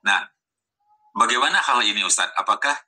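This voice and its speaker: A man's voice: mid-range voice, expressive, normal speed, bright, forceful tone, slightly rough, poor audio. A man joining an online study session to ask a question, hesitant and full of fillers. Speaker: participant asking a question.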